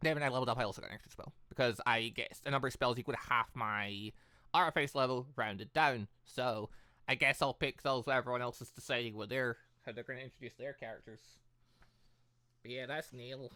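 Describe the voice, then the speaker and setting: A man with a bright, forceful voice talks over a tabletop game. He explains his character's rules in detail and at length. The sound is dry and close, with no room echo. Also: medium pitch, a little fast. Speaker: player. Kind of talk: casual tabletop game chat.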